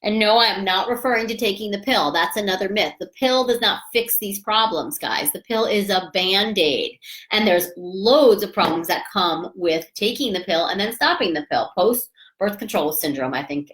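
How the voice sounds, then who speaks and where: A woman's voice: mid-range voice, animated, normal speed, a bit bright. A middle-aged woman acupuncturist giving a casual educational talk on health, now and then reading aloud from her own book, chatty and emphatic with many fillers. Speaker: acupuncturist and fertility author.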